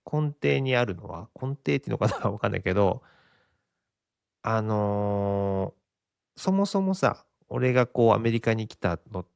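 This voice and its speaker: A man's voice: lowish voice, gravelly, smooth, no room sound, studio quality. A Japanese man in his forties hosting a casual solo podcast, rambling and chuckling often at his own expense. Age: 40s. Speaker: podcast host.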